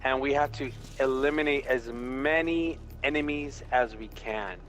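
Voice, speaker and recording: A man's voice: medium pitch, unhurried, a bit bright, slight background noise, low-quality recording. A man guiding another player through a video game in casual, explanatory talk, his voice sounding as if inside a helmet. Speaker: experienced player guiding a newcomer. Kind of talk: casual gameplay instruction.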